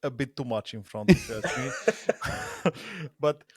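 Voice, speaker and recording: A man's voice: medium pitch, animated, slow. A man around forty from Romania, a native Romanian speaker, chatting casually as a podcast guest with a rambling, laughing manner. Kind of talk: casual video-call chat.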